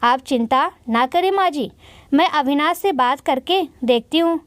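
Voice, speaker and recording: Woman reads young sister-in-law, polite, soothing, high, dry sound. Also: lively intonation, unhurried, dry recording. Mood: calm.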